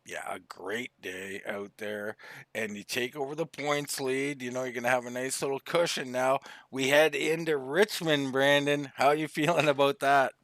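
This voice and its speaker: A male pit reporter conducting a post-race interview in a relaxed, conversational way. His voice sits in an ordinary middle pitch and the sound is dry and close. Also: moderate pace, no echo.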